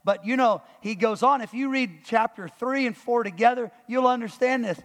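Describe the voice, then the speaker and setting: Sixties male pastor, high-pitched, fiery call-and-response sermon in a reverberant hall. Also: normal speed. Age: 60s.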